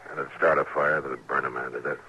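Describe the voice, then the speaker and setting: A man with an American accent playing a stern, patient frontier marshal in an old-time radio drama, speaking in terse, measured, commanding lines. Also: a bass voice, little pitch movement, pushed and bright, slightly rough, lo-fi sound, exaggerated voice. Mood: pondering, somber. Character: stern, steady western US marshal, grave and patient. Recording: noisy vintage radio recording.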